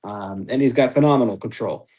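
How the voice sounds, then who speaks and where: Young guy on a baseball podcast, mid-pitched, ribbing his cohost, lots of ums. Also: fairly quick, dark tone. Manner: teasing, playfully smug, lots of fillers. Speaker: podcast co-host. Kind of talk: casual sports podcast chat.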